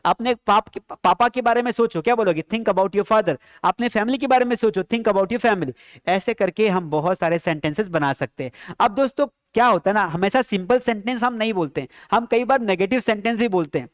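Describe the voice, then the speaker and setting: Slowing down to spell out English phrases, this male teacher runs sentence drills and keeps quizzing his students in a live-streamed spoken English lesson. He speaks in a high pitch, recorded with studio quality and no echo.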